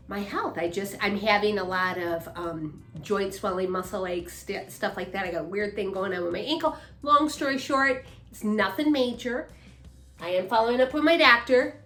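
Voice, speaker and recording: A woman in her fifties, a mother co-hosting a casual chat, speaks in a mid-range, slightly bright voice. She rambles with lots of fillers and restarts. The room is echoey, with faint music behind.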